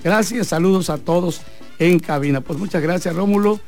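Faint music plays behind a Mexican man hosting a sports radio show from a booth. He talks at a normal speed in a voice that sits high with a darkish tone, chatting, reading listener messages aloud and tacking on advice.

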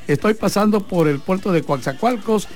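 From a radio booth, a Mexican man hosts a sports show, chatting away, reading listener messages aloud and offering advice on them. His voice is high-pitched, expressive and darkish in tone, moving at a moderate pace, with faint music in the background.

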